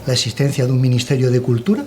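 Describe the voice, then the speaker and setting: A man's voice: mid-range voice, little pitch movement, very fast, a little mellow, slight background noise. A man interviewing a guest, asking brief and direct questions.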